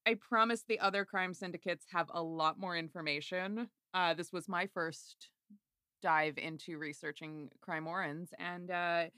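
A woman's voice: fairly low pitch, steady tone, unhurried, bright, forceful tone, dry recording, clean studio sound. A hungover woman podcast host chatting casually, fumbling for words and prone to giggling. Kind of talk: casual fan podcast chat.

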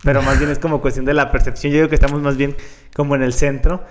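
A man's voice: mid-range voice, little pitch movement, fast. A man from León with a central Mexican accent, chatting casually and swearing freely as a podcast co-host. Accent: central Mexican (Guanajuato). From León, Guanajuato, Mexico. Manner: laid-back, slangy, swears freely. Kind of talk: casual chat.

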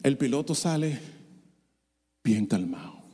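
A male pastor preaching a sermon, swinging from hushed asides to loud bursts and slipping into English phrases. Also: mid-range voice, animated, takes it slowly, slightly rough, in a large hall. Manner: code-switches with bursts of English. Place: church sanctuary.

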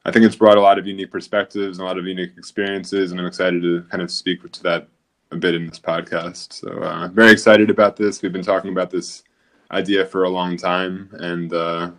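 A man, co-hosting a casual podcast in a low-key, hesitant way. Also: a bit bright. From South Philadelphia, USA. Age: 30s. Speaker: podcast co-host.

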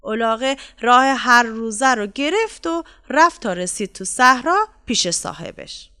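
A woman narrating a folk tale as a storyteller, in a lively, expressive way. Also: on the high side, smooth.

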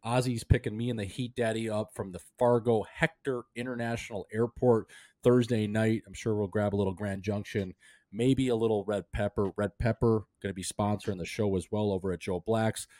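A man's voice: lowish voice, fairly even intonation, brisk, darkish tone, no echo. A man hosting a casual sports podcast, talking like a hyped-up frat bro with slangy, profane banter. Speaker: podcast host.

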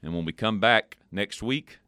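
A man hosting a devotional program, reading a story aloud in a measured, expressive way and then adding a short spiritual reflection. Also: on the low side, smooth, dry recording, clean studio sound. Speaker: devotional podcast host.

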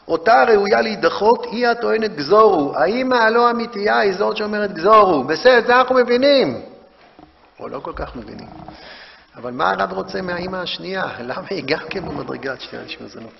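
A man giving an impassioned Torah lecture, rising to loud emphasis and halting to restart his words. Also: high voice, lively intonation, vocal fry. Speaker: rabbi teaching a memorial class. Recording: dull recording in a reverberant hall.

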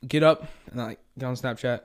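A man's voice: mid-range voice, fast talker. A young man hosting a casual faith chat, rambling and saying "dude" a lot. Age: young adult. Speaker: podcast host.

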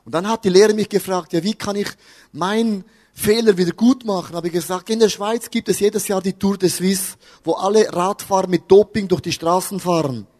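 A man's voice: high-pitched, fairly quick, a little mellow, in a large hall. Man preaching with humor. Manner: humorous, talks to the audience with questions. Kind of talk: lively sermon with stories. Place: church hall with audience.

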